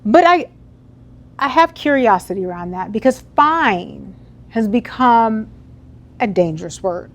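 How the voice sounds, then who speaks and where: Her voice fairly high and animated, this US keynote speaker talks unhurriedly and pauses often. She gives a motivational speech to a live audience in an event hall, chatting conversationally and posing questions to them.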